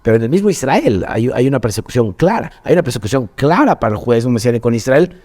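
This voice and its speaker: A man's voice: medium pitch, lively intonation, fast, a little mellow. Man explaining in a reverberant room. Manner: thoughtful, explanatory, repeats himself while forming points. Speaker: evangelical pastor. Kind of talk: conversational interview.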